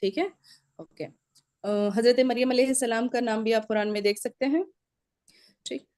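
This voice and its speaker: A woman with a mellow, darker tone teaches a recorded Arabic grammar lecture. She explains step by step, drills word endings aloud and checks in often with short confirmations. Her voice sounds close and dry, with no room echo. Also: a little high, steady tone, normal speed.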